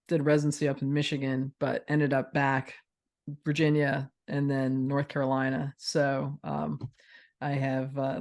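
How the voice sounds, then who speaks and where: A woman's voice: sits low, darkish tone. A woman interviewing a guest in a friendly, conversational way. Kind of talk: casual interview chat.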